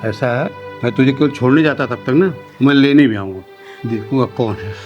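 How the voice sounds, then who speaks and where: A man's voice: mid-range voice, normal speed, highs cut off, lightly acted. A middle-aged man playing a worried, protective father who soothes his daughter. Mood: comforting. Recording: music bed under dialogue.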